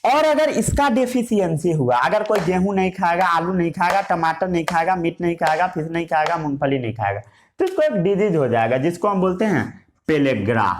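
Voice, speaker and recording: This teacher's voice is on the high side with big pitch swings and a normal speed, over slight background noise. He teaches science in Hindi with English terms, writing as he talks and working through his own questions and answers while repeating the important words.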